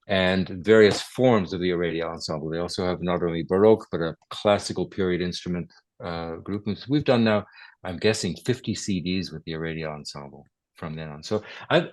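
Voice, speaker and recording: An older man, a guitarist and record producer, telling stories in a relaxed interview with chuckles and self-corrections. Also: low voice, no room sound. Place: his home.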